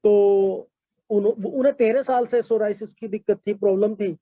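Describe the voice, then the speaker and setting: A man's voice: high voice, steady tone, moderate pace, warm tone, no echo. A man giving product testimonials in an online meeting, talking politely with many fillers and frequent "sir". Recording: dull lo-fi call audio.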